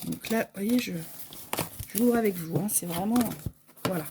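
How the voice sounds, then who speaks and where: A woman's voice: mid-range voice, moderate pace, background noise. A French woman chatting casually through an unboxing, hesitant and full of fillers, with packaging crinkling behind her. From France. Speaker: sewing shop owner.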